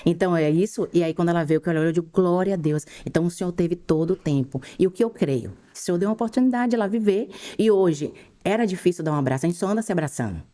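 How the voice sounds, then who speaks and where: A middle-aged Brazilian woman telling her faith testimony as a podcast guest, in fervent, rushed storytelling. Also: lowish voice, dark tone. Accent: Brazilian Portuguese.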